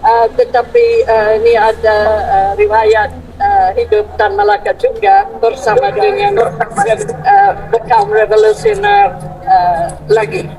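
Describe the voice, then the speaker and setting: An older woman with a foreign accent, giving a semi-formal speech as a foreigner speaking stiff, halting Indonesian. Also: fairly high pitch, very animated, noisy background. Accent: foreign, non-Indonesian. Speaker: author and translator speaking at a book discussion. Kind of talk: prepared thank-you speech, semi-formal.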